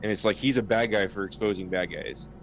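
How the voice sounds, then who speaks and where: A man with a low voice and a gravelly, creaky edge takes part in a casual group chat. He talks loosely and leans on fillers like "like" and "um" as he works through his point. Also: fairly quick, a little hiss or hum, poor audio. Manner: loose, filler-heavy talk.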